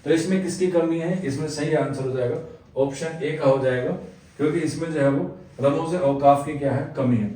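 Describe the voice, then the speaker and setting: An Urdu exam coaching teacher walks through an answer key step by step, forever padding his sentences with the same filler phrase. His voice is fairly high and mellow, at a moderate pace. He sits far from the mic in a very echoey room.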